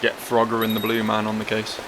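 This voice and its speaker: A man's voice: fairly low pitch, monotone, a little fast, background noise. A man hosting a video game playthrough, commenting casually in a dry, sardonic, sweary way. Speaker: gaming video host. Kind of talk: casual let's play commentary. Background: game music.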